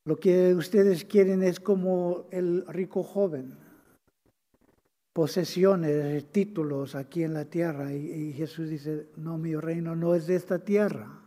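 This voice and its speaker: A man preaching a sermon as pastor, swinging between loud proclaiming and hushed low passages, repeating key phrases and sometimes stumbling over words. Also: steady tone, slow, in a large hall.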